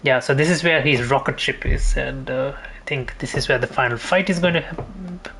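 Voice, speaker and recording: With faint video game ambience and slight noise in the background, a man streams his gameplay and talks casually, rambling as he thinks aloud. His medium-pitched voice is gravelly and a bit bright, at a moderate pace.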